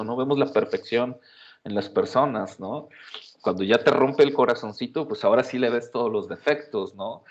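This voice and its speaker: Chatty male lecturer. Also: mid-range voice. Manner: conversational, many fillers and tag questions. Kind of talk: university lecture. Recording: dull lo-fi audio.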